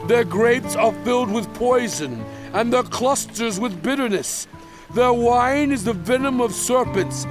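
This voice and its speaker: A solemn, wrathful prophet, Moses-like, in an audio scripture drama. His voice sits high for a man and moves slowly through deliberate, declamatory phrases. Music plays behind him. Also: exaggerated voice.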